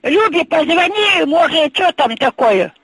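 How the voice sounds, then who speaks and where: A woman's voice: very high-pitched, expressive, unhurried, a bit bright, dry recording, poor audio. An older woman on the phone who cannot hear well, repeating herself in confusion.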